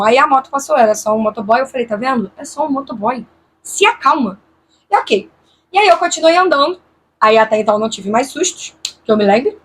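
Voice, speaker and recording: Breathy high-voiced woman telling a story. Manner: animated, tense retelling with quoted inner thoughts. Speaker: vlogger. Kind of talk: casual storytelling to camera.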